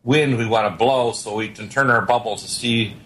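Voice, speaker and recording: A man's voice: medium pitch, steady tone, moderate pace, a bit bright. An older man delivering a paranoid, conspiracy-minded rant as a talk show guest, emphatic and certain as he lectures at length. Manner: paranoid, ranting. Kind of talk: long conspiracy-minded monologue. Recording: clearly noisy background.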